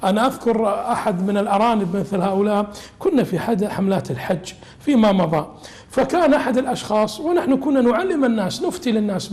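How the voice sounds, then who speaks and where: A man delivers a religious lesson as a sheikh, explaining a classical text. His voice sits high and he talks quickly. He keeps it lively with humorous asides.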